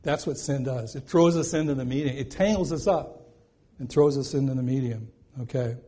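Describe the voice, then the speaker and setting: Husky folksy male preacher. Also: mid-range voice, fairly quick, warm tone. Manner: folksy, rambling, repeats "okay?" for emphasis. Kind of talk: sermon.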